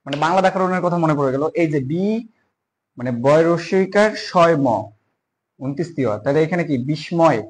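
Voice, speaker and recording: A man giving a casual spoken grammar lesson, spelling terms out letter by letter and stretching key words slowly. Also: a little high. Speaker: teacher.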